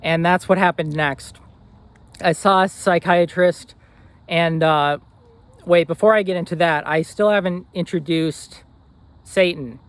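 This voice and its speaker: Earnest young man with a higher voice. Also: steady tone, a little slow, smooth. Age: 20s. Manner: earnest, rambling with fillers and restarts. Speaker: vlogger. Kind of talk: personal storytelling to camera.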